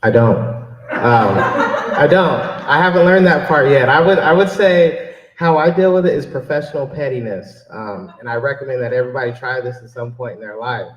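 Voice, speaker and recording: A keynote speaker and author answers audience questions in an informal Q&A in a public library event room, joking and putting himself down, growing animated when quoting himself. His voice is mid-range at a moderate pace, recorded from a distance in an echoey room with the highs cut off.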